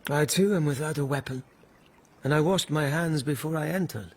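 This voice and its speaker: In a radio drama, a male actor plays a dogged, intense palace policeman, speaking earnestly, formally, and with careful courtesy in a respectful, resolute mood. His voice is fairly high, at normal speed, and lightly acted.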